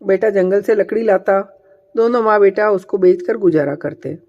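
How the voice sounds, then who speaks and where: A woman narrating a devotional folk tale in a plain, steady way. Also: medium pitch, normal speed. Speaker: storyteller. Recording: dull lo-fi sound with long reverb.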